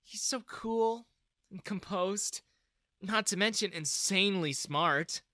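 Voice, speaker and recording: A man's voice: sits high, slow pace, bright, forceful tone, no room sound, studio quality, voice pushed up, heavily acted. A man voicing a blunt, scornful teenage daughter who speaks bluntly and dismissively. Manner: blunt, eye-rolling.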